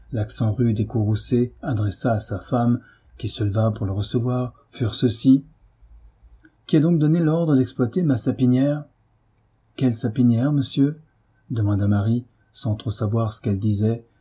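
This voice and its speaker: A man narrating a classic novel as an audiobook in a measured, literary way. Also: lowish voice, warm tone, slightly rough.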